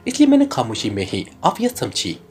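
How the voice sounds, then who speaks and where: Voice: mid-range voice, wildly swooping pitch, fairly quick, darkish tone, soft background music, pitched below the performer's own voice. A narrator voicing a male criminal boss who gives long, earnest explanations in an audiobook. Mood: explaining. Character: ruthless male criminal boss turned informant. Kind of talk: audiobook character reading.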